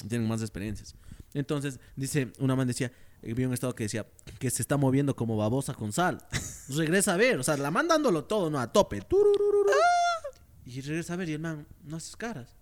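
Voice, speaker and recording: A young man, co-hosting a casual chat. He talks in an animated, joking way, rambling with restarts and slang. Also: mid-range voice, a little fast. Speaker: podcast co-host. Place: motel room.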